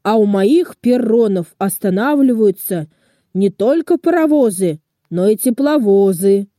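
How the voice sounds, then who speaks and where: A woman voicing a proud, boastful railway station in a children's storybook, speaking slower and lower than her narration. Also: expressive, mellow, no echo, studio quality, close to an everyday voice.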